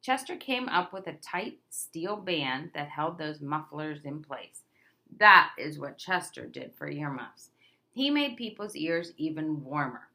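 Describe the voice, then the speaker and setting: This read-aloud presenter has a deep, sharp-toned voice and reads a children's picture book expressively without hurrying. Like a storyteller for young listeners, she stresses the key words.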